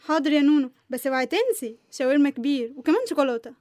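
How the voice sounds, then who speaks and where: A woman with an Egyptian accent playing a cheeky, whiny youngest sister, close and dry over soft music. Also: high voice, animated, very fast, no echo. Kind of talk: radio drama acting.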